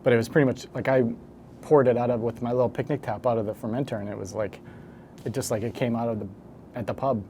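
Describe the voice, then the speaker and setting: A man's voice: medium pitch, steady tone, fast, darkish tone, slight background noise. A man talking casually to the camera as a home brewer, rambling and correcting himself as he goes. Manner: rambling, self-correcting, hesitant.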